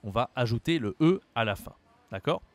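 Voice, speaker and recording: A man from France teaching a French lesson, slowly over-articulating example words and speaking directly to the learner. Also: medium pitch, expressive, no echo.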